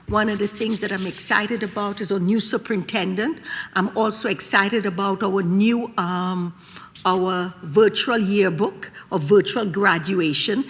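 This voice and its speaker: Lady running a board meeting, formal n measured, normal pitch, lots of room reverb. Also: a bit bright. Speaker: meeting chair. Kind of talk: formal meeting remarks and procedure. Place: large indoor meeting room. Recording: echoey meeting hall with long reverb.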